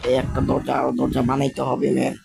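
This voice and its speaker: A young man, still a school student, commenting casually on his Minecraft build in a halting, stammering way, speaking slowly on purpose. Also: medium pitch, completely flat delivery, vocal fry. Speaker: gaming channel host.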